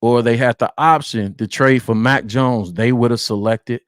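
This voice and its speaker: A man's voice: mid-range voice, steady tone, normal speed, no echo, clean studio sound. A man from the Atlanta area hosting a sports show, talking casually and rhetorically and repeating himself for emphasis.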